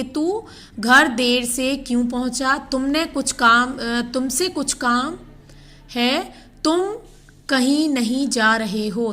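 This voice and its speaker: A woman teacher walks children through a grammar lesson. Her voice sits a little high, and she reads each example sentence aloud at an unhurried pace. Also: fairly bright tone. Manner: addresses children directly.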